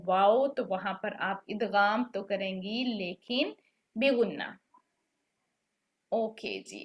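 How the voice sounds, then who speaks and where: A woman's voice: on the high side, a bit bright. A woman teaches an online recitation class. She explains patiently and keeps checking that her students are following along. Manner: patient, checks understanding with "ठीक है?". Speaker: tajweed teacher.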